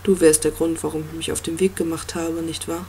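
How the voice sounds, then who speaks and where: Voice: mid-range voice, level tone, brisk, creaky, a little mellow, slight background noise, lightly acted. A reader voicing an ancient commanding tree monster. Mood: calm, knowing. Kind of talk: audiobook reading.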